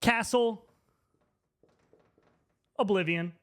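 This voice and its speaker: A man's voice: high voice, very slow. A man drunkenly explaining a story to camera in a loose, slangy comedic ramble, repeating words for emphasis. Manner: emphatic, repeats names and phrases for effect. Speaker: presenter.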